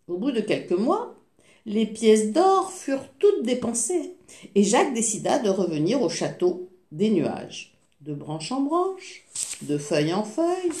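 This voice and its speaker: Slow, expressive woman storyteller. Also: medium pitch. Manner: slow, expressive reading with small slips. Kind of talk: reading a fairy tale aloud. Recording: echoey room.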